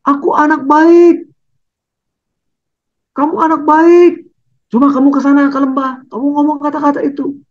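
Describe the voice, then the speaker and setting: Preacher doing a calm mom voice, higher, coaxing her kid, muffled recording. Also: normal speed, long pauses, natural voice. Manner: coaxing, gently insistent. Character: calm reassuring mother. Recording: dull lo-fi recording.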